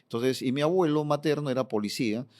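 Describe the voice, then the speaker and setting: A middle-aged Peruvian politician and former regional governor answers interview questions at length in Peruvian Spanish, leaning on fillers like "fíjate" and "eh." His medium-pitched voice is slightly mellow and moves at a quick pace.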